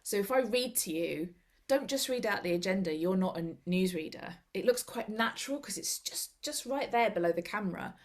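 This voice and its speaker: A woman speaking over a laptop video call, chatting easily and sharing practical tips. She laughs often and acts out little quotes from her own experience. Her pitch sits in the middle. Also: expressive, normal speed. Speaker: club member giving tips. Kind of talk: casual video call chat.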